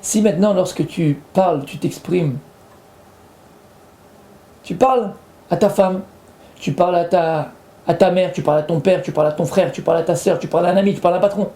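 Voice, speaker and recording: High-voiced rabbi in an echoey room. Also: male voice, a little fast, long pauses, warm tone. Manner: explains patiently, repeats and rephrases points, slips in Hebrew terms. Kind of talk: Torah lesson.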